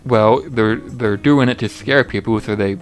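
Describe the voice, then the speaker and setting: A man's voice: mid-range voice, unhurried, soft background music. A man co-hosting a podcast in casual chat, laying out theories in a laid-back, matter-of-fact way. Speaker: podcast co-host.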